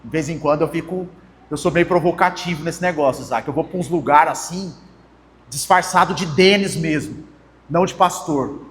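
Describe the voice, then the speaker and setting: A young adult pastor with a Brazilian Portuguese accent speaks to his congregation as brothers in a conversational sermon. His fairly high voice is a bit bright, moving at a moderate pace amid the church hall's long reverb.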